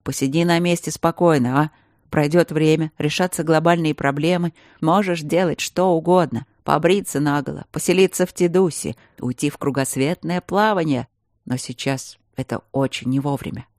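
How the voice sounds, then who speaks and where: A woman reading an audiobook, voicing a calm, teasing male mage who lectures patiently. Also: deep voice, moderate pace, no echo, clean studio sound. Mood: quiet teasing. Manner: patient, gently mocking, lecturing.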